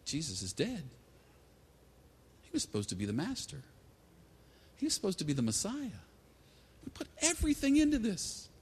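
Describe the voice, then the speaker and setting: A preacher playing an awestruck grieving disciple. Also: male voice, high-pitched, moderate pace, long pauses, breathy edge, heavily acted. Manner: excited storytelling, first-person dramatic retelling. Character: grieving male disciple recalling miracles. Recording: echoey hall.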